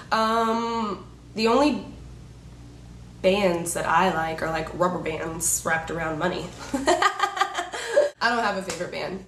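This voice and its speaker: A woman's voice: mid-range voice, echoey room, a little hiss or hum. A woman in her twenties chatting casually to camera, joking and laughing often. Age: 20s. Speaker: beauty vlogger. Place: indoors, a room in Los Angeles.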